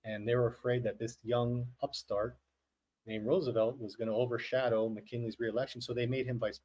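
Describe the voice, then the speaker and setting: A man's voice: mid-range voice, level tone, brisk, a little mellow. Rambling, joking male podcast co-host. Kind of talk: casual livestream chat.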